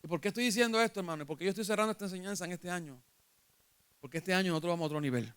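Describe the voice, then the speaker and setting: A man's voice: high voice, very fast, fairly bright tone, clean tone. A man with a Puerto Rican accent preaching a sermon as pastor, asking his congregation questions and rising when he retells scripture. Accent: Puerto Rican Spanish.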